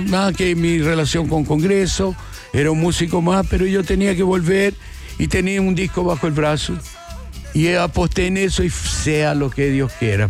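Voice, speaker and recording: Reflective Chilean musician, rambling and slangy. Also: male voice, a little high, gravelly. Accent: Chilean Spanish. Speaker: musician guest. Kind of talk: casual interview storytelling.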